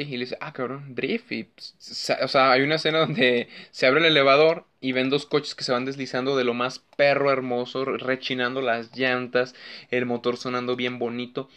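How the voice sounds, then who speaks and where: A young man with a Mexican accent, recapping a movie scene in a casual, animated way, swearing often and laughing. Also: mid-range voice. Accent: Mexican Spanish. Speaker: podcast host.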